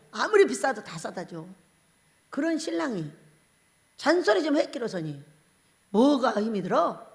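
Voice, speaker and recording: A woman pastor preaching a revival sermon, animated and laughing often as she puts questions to the congregation. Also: a little high.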